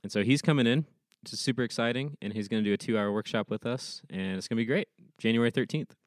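A man's voice: mid-range voice, quick pace, no room sound, clean studio sound. A man co-hosting a casual church podcast, upbeat and laughing easily. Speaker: podcast co-host, worship staff. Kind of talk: casual chat.

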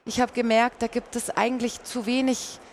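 A woman's voice: fairly high pitch, level tone, normal speed, slight background noise. Reflective woman telling her story. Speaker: guest, painter and mezzo-soprano. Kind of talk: conversational interview storytelling.

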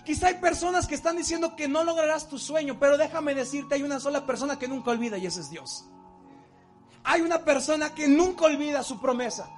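A Mexican man preaching a sermon, moving between loud exhortation and soft, intimate passages. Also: very high-pitched, expressive, fairly quick, faint music behind.

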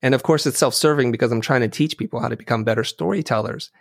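Speaking fast with a creaky, mid-range voice, this middle-aged designer and teacher, whose first language is Vietnamese, reflects on his stories as an interview guest. He is earnest and thoughtful and frequently starts his sentences over. The sound is clean studio audio with no room sound.

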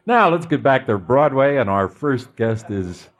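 A man's voice: medium pitch, measured pace, muffled recording. A man hosting a radio program about theater, reading scripted anecdotes with playful emphasis and then interviewing a guest. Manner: lively, storytelling delivery with playful emphasis. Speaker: radio show host.

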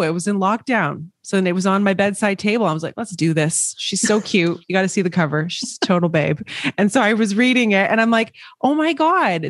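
A woman's voice: mid-range voice, dry recording, studio quality. A woman hosting a podcast in casual, chatty conversation, laughing often. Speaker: podcast host. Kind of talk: casual chat.

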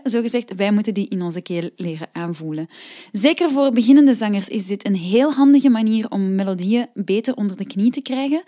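A woman's voice: medium pitch, dark tone. Chatty Flemish woman vocal coach. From Belgium. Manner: chatty, explanatory, with frequent ehm fillers. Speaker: podcast host and vocal coach. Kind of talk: podcast singing lesson.

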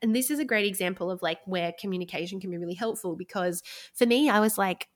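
A woman in her thirties talks through parenting advice on a podcast, relaxed and conversational. Her voice sits in the middle of the range, and she laughs easily between points. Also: medium pitch, quick pace. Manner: chatty, warm advice-giving with fillers and laughs. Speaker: podcast co-host, sleep consultant. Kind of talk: casual podcast chat.

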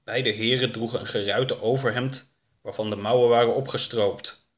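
A man reading a storybook aloud as narrator, expressive. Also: mid-range voice, moderate pace.

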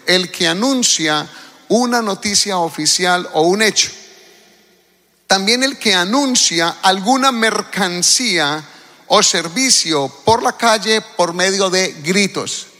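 A man's voice: high voice, takes it slowly. A man from Colombia, preaching a sermon and calling out to the congregation. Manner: lively, calls out to the congregation. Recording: hall reverb.

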